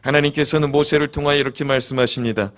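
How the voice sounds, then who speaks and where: A man's voice: a little high, steady tone, quick pace. A man preaching a sermon as pastor, acting out dialogue and putting questions to the congregation.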